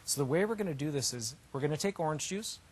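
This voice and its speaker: Fast-talking male inventor giving a product demo. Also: a little high, animated, darkish tone. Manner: explanatory, emphatic and repetitive. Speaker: inventor demonstrating his product. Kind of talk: unscripted live product demonstration.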